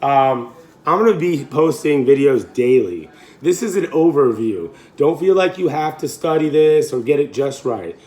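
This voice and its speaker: A man in his thirties with a raspy, throaty voice, hoarse from a recent illness, chatting casually and off the cuff to camera as a fitness vlogger. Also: medium pitch, expressive, normal speed, a little mellow. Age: 30s. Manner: informal, rambling, unscripted. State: hoarse, getting over being sick.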